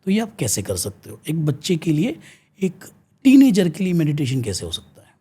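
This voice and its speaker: An Indian man speaks as an interview guest, explaining ideas in an earnest, teacherly way. His voice is husky and mellow, and his pitch rises and falls a great deal. He switches freely between Hindi and English. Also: wildly swooping pitch, moderate pace.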